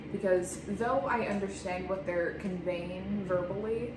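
A woman's voice: medium pitch, slow, noisy background. A young woman chatting casually and jokingly to her viewers as a vlogger, swearing freely. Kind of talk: casual chat.

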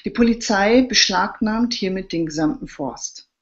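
A woman's voice: mid-range voice, normal speed, voice pushed up, natural voice. A woman voicing an impatient male police detective who speaks curtly, in a dull lo-fi recording.

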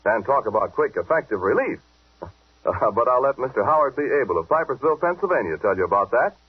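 An old-time radio announcer from the 1940s, coaxing listeners in a warm, salesman's patter. His voice is husky and swings up and down with easy enthusiasm. It sounds thin and boxy, like a vintage broadcast heard over a phone-narrow line. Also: mid-range voice, sing-song, fairly quick. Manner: chummy, persuasive salesman patter. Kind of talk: 1940s radio commercial pitch.

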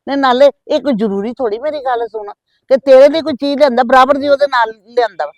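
A woman's voice: sits high, fast talker, dry recording, recorded from a distance, muffled recording, lightly acted. A middle-aged woman playing a scheming mother who scolds and nags her married daughter in a scripted family skit. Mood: scolding. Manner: nagging, scolding. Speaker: mother on the phone.

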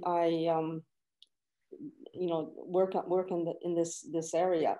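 An older woman speaking on a video call in a measured, searching way, from a small room at home. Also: fairly low pitch, mellow, low-quality recording. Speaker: co-author and illustrator. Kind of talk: reflective talk on a video call. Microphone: video call webcam.

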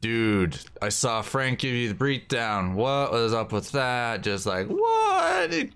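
Casting: young male gaming host, bright voice, slow delivery, joking and cursing through a playthrough. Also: on the low side, roomy sound. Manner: joking, swearing, mock-bro banter. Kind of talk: let's-play commentary.

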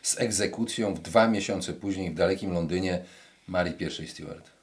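A man's voice: deep voice, normal speed. A man in his fifties, the interviewer, putting formal prepared questions in a studio room. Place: wood-panelled studio room with brick wall.

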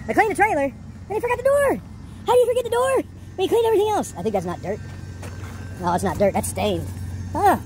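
Here the forty-something truck driver talks fast in a very high, sing-song voice with long pauses, chatting to himself while checking his rig at a truck yard and then inside his cab. The casual vlog's low-quality recording carries outdoor vehicle noise and faint music.

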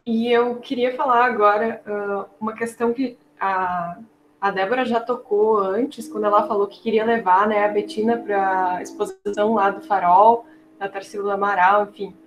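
A woman's voice: medium pitch, fairly even intonation, moderate pace. Woman explaining in a roomy room. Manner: explanatory, frequent tag questions. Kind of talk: casual video call discussion. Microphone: video call. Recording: roomy video call audio with faint noise.

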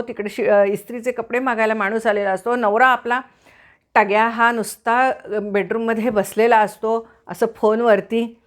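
A woman giving family advice in casual storytelling, now and then acting out the voices of the people in it. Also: fairly high pitch. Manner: retells a scene, briefly acting out voices.

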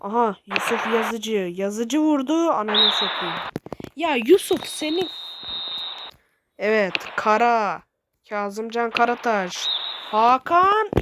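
A woman giving excitable, swearing commentary while playing a football video game, shouting at her players. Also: on the high side. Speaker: gaming streamer. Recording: loud background noise with clicks.

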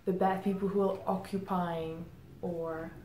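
A woman's voice: lowish voice, level tone, warm tone. Thoughtful woman, roomy sound. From Czech Republic. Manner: thoughtful, pauses with many "um"s. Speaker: marketing head interviewed as guest. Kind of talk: reflective interview answers. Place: indoor room against a plain grey backdrop. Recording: roomy echo, faint ambient noise.

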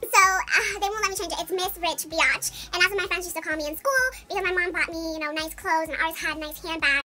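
A woman in her twenties rambles through vlog tips with lots of likes and ums. Her voice is pushed into a very high, squeaky squirrel effect. It races along with a bright, sharp tone. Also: fairly even intonation, quick pace. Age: 20s. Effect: squeaky sped-up squirrel voice. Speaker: beauty vlogger giving channel tips. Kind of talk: casual chatty vlog.

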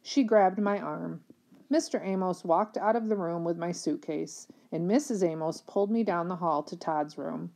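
A woman reading a chapter of a novel aloud in a plain, even storytelling manner. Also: on the low side, normal speed, creaky. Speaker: reader.

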